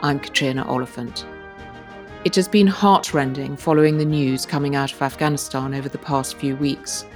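A woman host giving scripted narration in a measured, serious way. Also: very deep voice. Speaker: podcast host.

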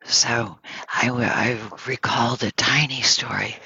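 A man giving a gentle meditation talk at home, speaking softly and slowly with a breathy, often half-whispered voice and long pauses between phrases. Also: mid-range voice, steady tone, no echo, lo-fi sound. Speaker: meditation teacher. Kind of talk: gentle guided dharma talk. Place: home, over an online session.

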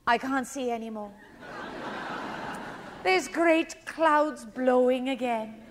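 A dark, breathy fortune-teller. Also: female voice, high-pitched, slow, long reverb tail, noisy background. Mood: excited. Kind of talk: radio play acting.

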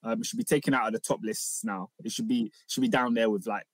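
A man's voice: on the low side, fairly even intonation, quick pace, dry recording. A man with a London accent co-hosting in casual, opinionated banter, repeating his points emphatically. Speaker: podcast co-host, football fan.

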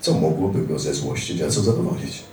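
A man's voice: a bass voice, big pitch swings, a little fast, dark tone, slight background noise. A man reading a first-person memoir aloud with dramatic, blunt delivery. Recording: echoey room, distant mic.

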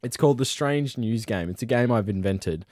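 A man hosts a loose podcast chat at a middling pitch. He takes charge, stops the others and counts them back in. His voice sits close and dry, with no room sound. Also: lively intonation, moderate pace, a little mellow, no echo. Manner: bossy, cutting in and counting the others down. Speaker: podcast host. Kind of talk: casual podcast banter.

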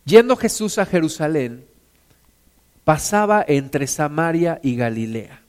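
A man with a fairly high, clean-toned voice preaches slowly and expressively to his congregation, addressing them as sisters and brothers. When he tells quotes, he acts them out, raising his voice to a shout.

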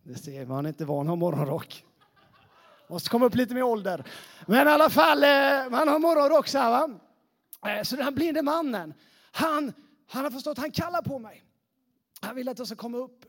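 A man, a youth pastor, giving a lively, casual sermon to a young congregation, chatty and peppered with fillers. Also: extremely high pitch.

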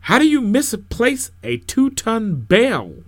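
A man voicing an agitated male churchgoer who shouts indignant questions from the pews in a storybook reading. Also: very high voice, wildly swooping pitch, very slow, no room sound, voice pushed up, full character voice.

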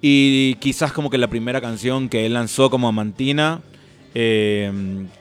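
A young man from Ecuador, chatting as a musician guest in a relaxed, rambling way full of fillers. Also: medium pitch, unhurried, clear, resonant tone. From Guayaquil, Ecuador. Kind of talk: casual interview chat.

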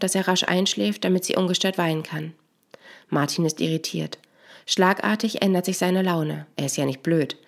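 A woman narrating a scripted story that explains everyday behaviour in a calm, explanatory way. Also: lowish voice.

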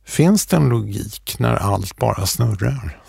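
A man's voice: on the low side, expressive, gravelly, a little mellow, slightly rough, no echo, clean studio sound. A man interviewing an author, asking short questions and murmuring along as he listens.

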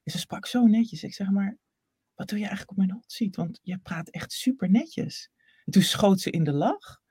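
A woman's voice: mid-range voice, moderate pace, slightly rough, dry recording, clean studio sound. A woman voice coach in a casual interview, telling stories and acting out the dialogue. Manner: animated storyteller acting out dialogue.

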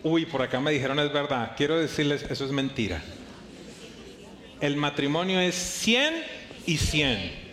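A man preaching a live sermon as pastor to a congregation, lively, playfully acting out his listeners' voices and joking with them. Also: a little high, a little slow, long pauses. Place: church hall before a congregation. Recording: echoey hall with faint background noise.

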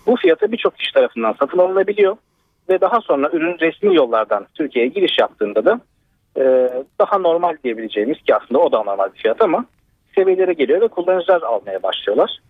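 A man calling a radio show over a landline phone, giving a long, winding opinion with many hesitations. His husky voice swings widely in pitch, and the line sounds tinny and dry. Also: big pitch swings, fast, no room sound. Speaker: radio caller. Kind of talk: call-in opinion, many fillers.

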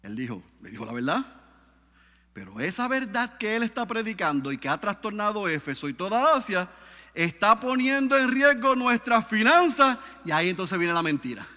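A man preaches a sermon in a church, moving between hushed low passages and loud, high-pitched cries. His voice sits high and rings very bright. A long reverb from the hall trails after his words. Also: very animated, moderate pace. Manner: swings from hushed to shouting, dramatic.

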